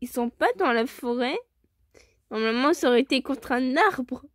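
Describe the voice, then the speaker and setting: A woman's voice: high-pitched, expressive, normal speed, fairly bright tone, dry recording, studio quality. A woman casually reading a fan story aloud, stumbling over words, correcting herself and mocking her own reading. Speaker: fan fiction reader.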